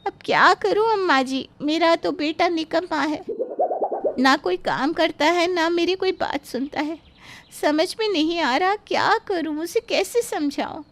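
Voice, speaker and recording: A woman voicing a worried, sharp-tongued middle-aged mother who complains about her son in a storybook cartoon. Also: fairly high pitch, unhurried. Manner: complaining, scolding.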